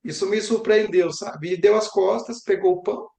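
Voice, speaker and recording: In an echoing, roomy recording, a young Brazilian geography professor talks about travel in an interview, telling stories in a talkative, reflective way and often adding tag questions. His high-pitched voice is creaky and darkish, moving at a moderate pace.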